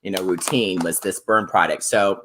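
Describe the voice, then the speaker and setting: A woman's voice: rumbling low, fairly even intonation, normal speed, noisy background. A middle-aged woman hosting a casual interview, praising products with upbeat enthusiasm. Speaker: host.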